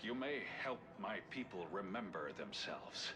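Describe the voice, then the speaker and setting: A man voicing a solemn, grateful alien in a video game, with formal, deliberate, stately speech. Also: on the low side, big pitch swings. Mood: solemn gratitude.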